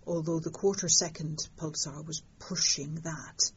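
An older woman talks through a discovery in a relaxed interview, wry and vivid. Her voice sits low and sounds husky. The recording is somewhat dull and lo-fi. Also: unhurried. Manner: lively storytelling, fond of understatement. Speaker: interviewed astronomer. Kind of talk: conversational interview.

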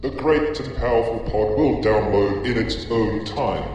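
A man's voice: measured pace, a little mellow, slight background noise. A man using a voice changer to play a pompous, imperious male ruler in a comic sketch. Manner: grandiose, booming, haughty. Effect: voice changer with heavy booming reverb. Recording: echoey, hall-like voice-changer effect.

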